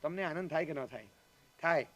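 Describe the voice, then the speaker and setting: High-voiced monk telling a story. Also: male voice, fairly quick, gravelly, lo-fi sound. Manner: storytelling, acts out dialogue, asks the audience questions. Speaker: Jain monk giving a discourse. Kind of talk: sermon with acted anecdotes.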